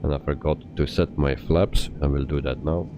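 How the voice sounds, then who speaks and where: A man's voice: steady tone, normal speed. A man from Belgium giving casual commentary while live streaming a flight simulator. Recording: muffled mic with faint engine rumble. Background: aircraft rumble.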